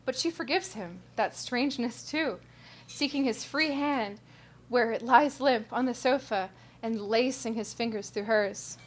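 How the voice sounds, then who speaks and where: A woman reading a story in a measured, even narration. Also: fairly high pitch. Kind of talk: scripted narration.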